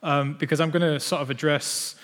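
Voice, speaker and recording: A man's voice: on the high side, steady tone, brisk, fairly bright tone. A young man with a Northern English accent gives a conference talk as an audio researcher, with many fillers and restarts. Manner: hesitant, many ums and "sort of" fillers. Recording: long hall reverb.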